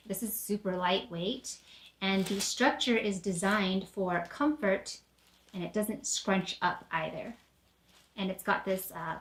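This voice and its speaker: A woman gives a product demo in an upbeat, chatty way, stopping now and then on a filler. Her voice sits at an average pitch for a woman. The room around her is echoey. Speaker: product presenter.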